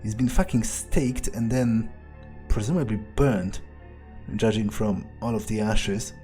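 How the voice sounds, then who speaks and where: A male gameplay streamer roleplays in character, his lowish, warm voice unhurried. Game music plays as he mutters sardonic asides with heavy swearing.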